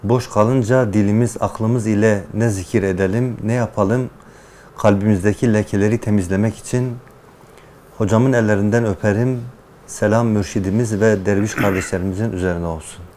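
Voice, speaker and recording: Courteous male caller asking slowly. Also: lowish voice, fairly even intonation, dark tone, a little hiss or hum. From Turkey. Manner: slow, formal and courteous.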